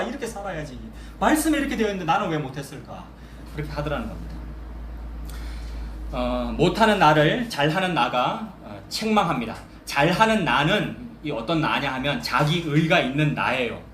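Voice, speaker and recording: A man's voice: fairly high pitch, fairly bright tone, slight background noise. Man preaching in an echoey church. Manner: conversational preaching with rhetorical questions to the congregation. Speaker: pastor. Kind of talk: sermon. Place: church sanctuary. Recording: echoey church hall with faint ambience.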